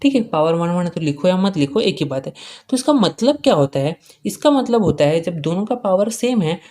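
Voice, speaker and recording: A man giving an exam-prep chemistry lecture. He keeps asking questions and answering them himself, repeats key points, and slowly dictates important lines for students to note down. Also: sits high, big pitch swings, a little mellow. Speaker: chemistry teacher.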